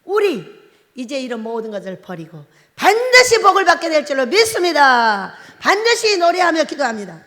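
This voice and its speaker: High-voiced woman preaching in a hall. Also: big pitch swings, moderate pace, pushed and bright. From Jeolla Province, South Korea. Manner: emphatic preaching, rhetorical questions to the congregation. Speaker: pastor. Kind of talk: sermon. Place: prayer retreat chapel. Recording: long reverb of a large hall.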